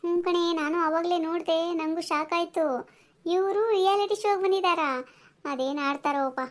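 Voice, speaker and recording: A defensive young woman contestant in a cartoon, as a woman voices her. The voice is very high and squeaky, and the lines come quickly and sulkily. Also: steady tone. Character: young female reality-show contestant, defensive. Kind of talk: cartoon voice acting.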